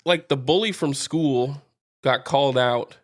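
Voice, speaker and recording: A man co-hosting a casual sports podcast over a video call, animated and ribbing his partner. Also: medium pitch, unhurried. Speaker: co-host.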